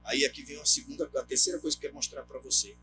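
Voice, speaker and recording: A man's voice: medium pitch, fairly even intonation, rapid-fire, poor audio. A male pastor with a Brazilian accent preaching a sermon, telling a story and asking the congregation rhetorical questions. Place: church. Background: soft guitar music.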